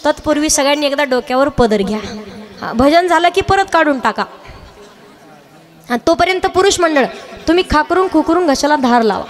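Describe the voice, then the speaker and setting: A woman's voice: high voice, lively intonation, fairly quick, long pauses. A woman preaching a devotional kirtan with a Marathi accent, singing lines and then leading the crowd in call-and-response with joking commands. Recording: live event with loud music and crowd. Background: loud harmonium, drums and crowd.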